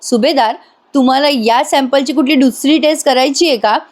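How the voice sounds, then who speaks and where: A woman's voice: high voice, fairly quick, a little mellow, natural voice. A woman voicing a polite, courteous middle-aged male doctor. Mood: relieved.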